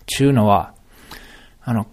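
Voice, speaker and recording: A man's voice: fairly low pitch, a little slow, a little mellow. A middle-aged man musing aloud in a solo podcast monologue, rambling with many fillers and self-corrections.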